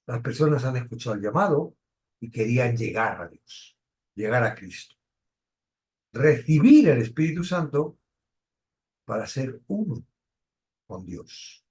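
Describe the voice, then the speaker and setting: A man's voice: mid-range voice, big pitch swings, darkish tone. A man from teaching a Bible study, asking questions and stressing key words. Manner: questioning, emphatic, pauses and restarts.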